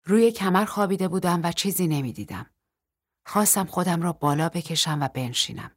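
A woman reads a first-person novel aloud in a measured, even manner. Her voice sits low and husky, recorded close and dry. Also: no echo. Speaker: audiobook narrator.

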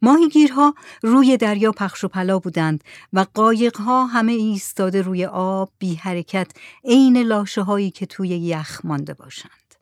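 A woman narrating a story in a steady, measured reading. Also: medium pitch, no echo, studio quality.

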